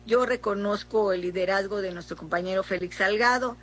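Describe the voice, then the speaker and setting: A middle-aged Mexican woman senator answering in a political interview, speaking haltingly with many fillers and restarts. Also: medium pitch, a little hiss or hum. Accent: Mexican Spanish.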